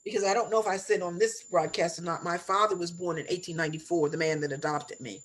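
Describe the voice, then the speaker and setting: A woman in her seventies reminiscing in conversation as an interview guest, reflective and deliberate, repeating phrases for emphasis. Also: fairly low pitch, fairly even intonation, poor audio. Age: 70s. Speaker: interview guest, elder sharing life stories.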